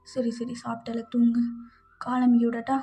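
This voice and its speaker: A woman voicing a gentle, caring young husband in a fan fiction audio story, speaking in a soft, husky, affectionate way. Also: on the high side, monotone, normal speed, lightly acted. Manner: soothing and affectionate.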